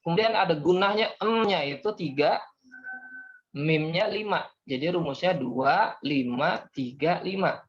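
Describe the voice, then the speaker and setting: A man's voice: fairly high pitch, a little slow. A young man teaching a class, patiently explaining step by step and calling on students. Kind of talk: online class lesson. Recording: dull lo-fi audio.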